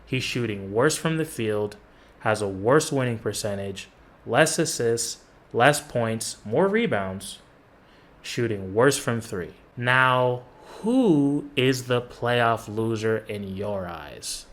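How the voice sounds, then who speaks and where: A man's voice: mid-range voice, expressive, slow pace. A man doing reaction commentary on a basketball video, with sarcastic, profane trash talk.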